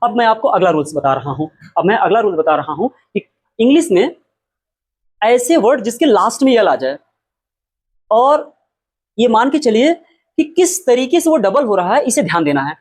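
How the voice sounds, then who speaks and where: A man's voice: high voice, sing-song, moderate pace, long pauses. A man teaching an English spelling lesson, who asks his own questions, answers them and repeats every point. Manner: spells out words letter by letter.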